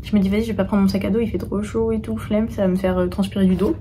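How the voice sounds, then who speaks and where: A young woman from France talks casually to a handheld camera, hesitating often as she goes. Her voice sits at an ordinary middle pitch. Traffic and city ambience hum clearly behind her. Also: little pitch movement, racing, warm tone. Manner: chatty, informal, lots of hesitations. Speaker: travel vlogger. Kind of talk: casual travel vlog talk to camera. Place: outdoors and in small rooms and cafés in a busy city.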